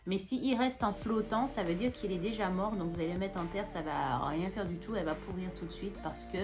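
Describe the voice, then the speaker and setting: A woman's voice: medium pitch, fairly quick, over music. Chatty woman. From Martinique. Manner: chatty, rambling, many fillers and restarts. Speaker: plant vlogger. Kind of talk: casual show-and-tell vlog.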